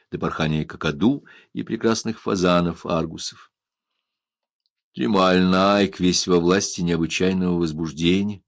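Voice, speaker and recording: A man narrating an adventure novel aloud in a measured, expressive reading. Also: deep voice, dry recording, studio quality. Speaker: audiobook narrator. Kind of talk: scripted narration.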